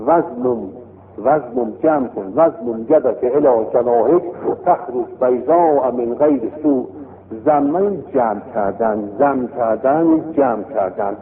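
A man teaching a classroom lesson on Arabic vowel marks, explaining lively and repeating key terms with rising emphasis. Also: medium pitch. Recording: lo-fi phone-like recording in a reverberant hall with faint noise.

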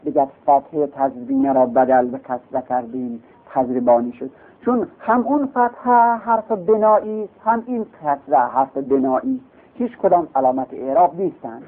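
A man's voice: mid-range voice, lively intonation. A male teacher giving a classroom lecture, explaining step by step and asking and answering his own questions. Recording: tinny lo-fi recording.

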